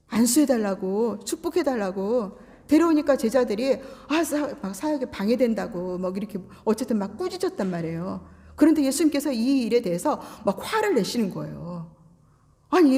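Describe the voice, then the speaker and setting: A woman's voice: mid-range voice, dark tone. Woman preaching in a reverberant church. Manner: conversational preaching with rhetorical questions. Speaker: pastor. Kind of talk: sermon. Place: church sanctuary.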